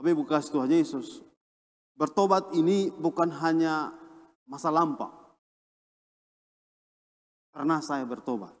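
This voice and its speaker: A man from Indonesia, a pastor, preaching a sermon with emphatic swings between a raised and a lowered voice. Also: measured pace, pauses often, long reverb tail. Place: church.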